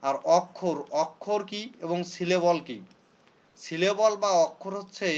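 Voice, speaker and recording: An English teacher gives a classroom lecture, repeating his points and quizzing his students. His voice sits high and sounds smooth, captured with lo-fi sound.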